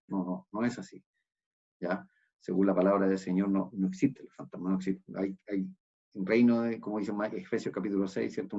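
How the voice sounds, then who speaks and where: A low, husky male voice with a Chilean accent delivers a sermon from a church. He explains the passage in an explanatory tone and keeps checking in with the congregation. The recording sounds dull and lo-fi. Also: a little mellow. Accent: Chilean Spanish. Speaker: pastor.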